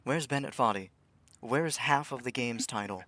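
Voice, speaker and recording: A man's voice: medium pitch, moderate pace, pushed and bright, no echo. A young man streaming a game, talking to himself in a rambling way, stammering and swearing now and then. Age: young adult. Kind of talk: casual live-stream commentary.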